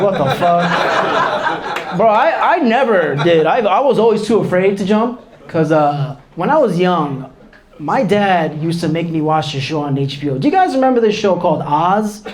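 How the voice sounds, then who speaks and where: A young man performing a casual stand-up comedy set in a club, talking straight to the crowd. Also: sits high. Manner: casual, addresses the crowd as bro, quick asides. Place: comedy club before a live audience. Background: audience laughter.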